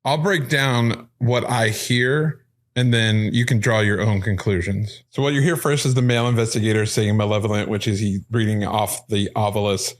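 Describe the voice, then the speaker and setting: A man's voice: fairly low pitch, moderate pace. Man casually breaking down ghost audio clips. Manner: excited, explains clips step by step. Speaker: podcast host. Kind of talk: casual paranormal podcast narration.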